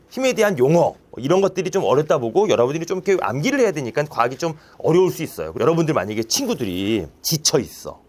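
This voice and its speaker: Man, science teacher in a classroom, fairly high and highly animated, playful, quizzes his pupils. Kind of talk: classroom lesson for children.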